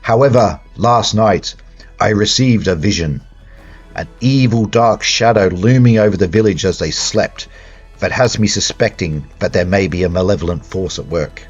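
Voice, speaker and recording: A man voicing a gentle, studious monastery abbot in his own plain voice, with formal wording and no accent. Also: fairly low pitch, slightly rough, highs cut off.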